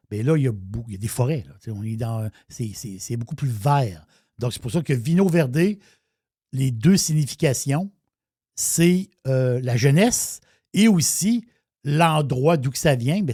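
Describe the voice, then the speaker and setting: A man's voice: mid-range voice, mellow, no echo, studio quality. A man around sixty with a Quebec French accent, a wine columnist on the radio, talking in a chatty, rambling way with many restarts. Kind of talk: radio talk, explaining and storytelling.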